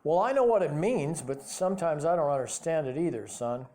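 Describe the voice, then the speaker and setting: An older man reading a memoir voices a weary father who speaks low and gently to his son. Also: expressive, brisk, natural voice. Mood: gentle. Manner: hushed, low and kindly.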